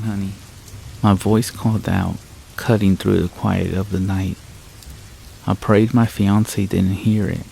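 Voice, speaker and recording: A man reading a first-person horror story aloud in scripted narration, with a low, even, unhurried delivery. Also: creaky, slight background noise, low-quality recording. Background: rain sounds.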